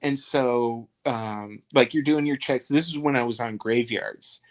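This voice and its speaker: A man's voice: mid-range voice, unhurried. Casual male podcast guest telling stories. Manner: rambling storyteller, acts out voices in anecdotes. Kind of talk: casual chat.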